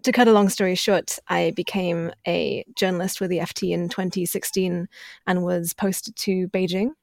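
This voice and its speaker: A woman's voice: lowish voice, fairly even intonation, moderate pace, vocal fry, dry recording, studio quality. Articulate woman journalist guest. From born in China, raised in the UK. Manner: articulate, with small stumbles and light laughs. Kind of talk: interview conversation.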